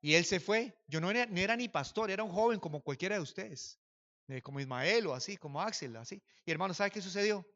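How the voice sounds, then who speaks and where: A man preaching a sermon as pastor, telling a personal story and swinging from hushed to loud. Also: high voice, animated, fast talker, muffled recording.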